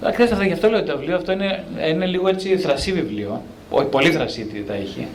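A male psychotherapist talking freely about self-knowledge, animated and colloquial, often asking and answering his own rhetorical questions. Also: fairly high pitch, a little hiss or hum.

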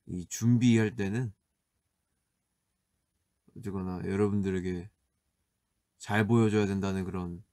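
A man hosting a live stream in a soft, laid-back voice, casually answering viewer comments. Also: lowish voice, no room sound. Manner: soft-spoken, laid-back, often laughing.

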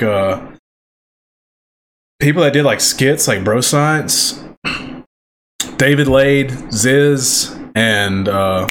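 A man's voice: medium pitch, a little hiss or hum. Slangy young man on a podcast. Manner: rambling, slangy, says "bro" a lot. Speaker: podcast co-host. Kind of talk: casual chat.

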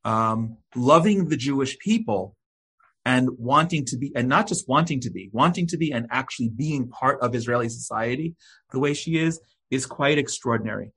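A man hosting an interview show, speaking with halting starts, frequent ums and repeated words. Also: medium pitch, animated, a bit bright, slightly rough. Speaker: host. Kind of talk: hosted interview.

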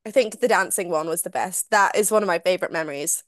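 A woman's voice: lowish voice, fast talker, fairly bright tone, no room sound, clean studio sound. A young woman hosting a podcast, chatting casually and teasing, laughing often. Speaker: podcast host. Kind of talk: casual chat.

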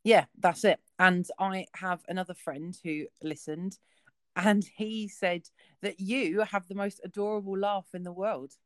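A woman in her late thirties from the south of England co-hosts a casual podcast, telling rambling anecdotes full of ums. Her mid-range voice is steady and a little slow, recorded with no room sound.

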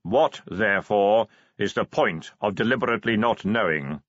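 Death speaks slowly and evenly, a patient skeletal being with dry wit, as a man reads him. The voice is a touch husky and close. The recording is dull and lo-fi, like an old audiobook. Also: on the low side, animated, a bit bright, no echo. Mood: dry, unhurried. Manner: slow, measured, dry. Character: Death, calm slow skeletal male being.

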